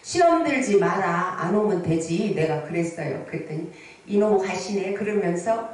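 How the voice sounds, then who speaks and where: In a fairly low, darkish voice with lively intonation at normal speed, a pastor in her sixties delivers a storytelling sermon. She frequently asks the congregation rhetorical questions, her voice echoing through a large prayer hall and picked up from a distance by the mic.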